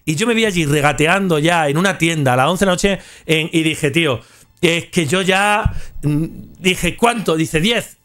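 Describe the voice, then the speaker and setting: A man's voice: fairly high pitch, normal speed, a bit bright. Casual man telling a story. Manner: rambling, slangy, loose anecdotal delivery. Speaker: content creator.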